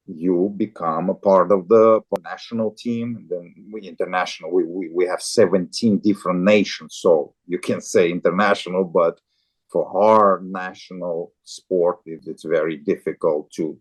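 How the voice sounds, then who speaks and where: A man in his forties from Azerbaijan, speaking as an interview guest with a very low, deep voice. He talks slowly and haltingly, often repeating and restarting his words, with an occasional chuckle. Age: 40s. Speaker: guest, farrier and show jumper. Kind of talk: casual interview talk.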